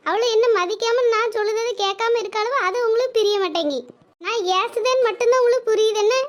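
A woman's voice: very high-pitched, quick pace. A woman voicing a stern, nagging village mother and wife in a cartoon, scolding and reproachful. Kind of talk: cartoon voice acting.

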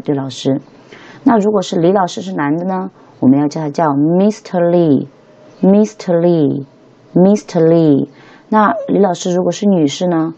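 A young woman gives a relaxed English lesson with a low, mellow voice. Her tone is a bit husky and the recording sounds dull and lo-fi. She keeps checking with her listeners as she talks. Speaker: English teacher. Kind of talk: casual spoken lesson.

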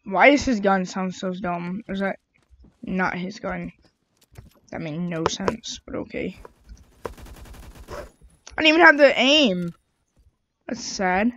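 A woman's voice: on the low side, slow pace, pauses often. A woman giving chatty, exasperated running commentary over her own gameplay. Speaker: gamer. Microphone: own desk mic. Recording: dull lo-fi home mic.

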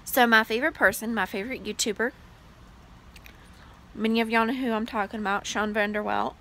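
A woman's voice: on the high side, fairly even intonation, a little fast, a bit bright, poor audio. A woman in her late twenties chatting casually to her vlog viewers, gushing and full of "like" fillers. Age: 20s. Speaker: vlogger. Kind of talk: casual vlog chat to camera.

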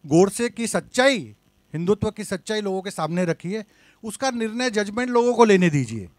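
A man's voice: high voice, expressive, normal speed, dry recording. A man speaking fervently in support at a press conference, combative and declarative. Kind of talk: impassioned speech.

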